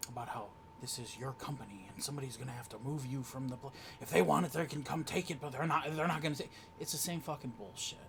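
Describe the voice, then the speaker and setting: A man's voice: medium pitch, fast talker, vocal fry, few pauses, a little hiss or hum. A man cutting a heated wrestling promo, swearing and stammering as he argues. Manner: heated, profane, shouting and stammering. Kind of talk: in-ring promo argument.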